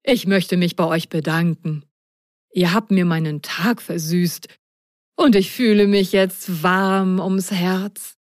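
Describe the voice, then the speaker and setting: A woman voicing a grumpy middle-aged driver in a storybook reading, talking in a gruff, plain way. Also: fairly low pitch, steady tone, slow, no echo, studio quality. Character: grumpy middle-aged man softened by candy.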